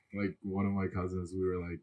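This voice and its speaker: A man's voice: deep voice, a little mellow, highs cut off. A man co-hosting a casual podcast, laid-back and laughing often as he tells stories. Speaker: podcast co-host. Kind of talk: casual chat. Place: home room, seated on couch.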